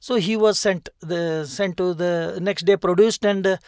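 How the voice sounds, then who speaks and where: A person with a South Indian accent telling an anecdote as an interview guest, in halting short phrases with quoted dialogue. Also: mid-range voice, steady tone, a little mellow, clean tone, dry recording, studio quality. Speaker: interview guest, retired customs officer.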